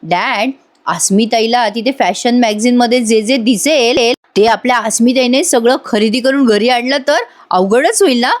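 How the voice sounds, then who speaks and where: A woman's voice: fairly high pitch, normal speed, lightly acted. A woman voicing a teasing young man who jokes with his parents, read out in a serial review. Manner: teasing, playful. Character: young man, joking son.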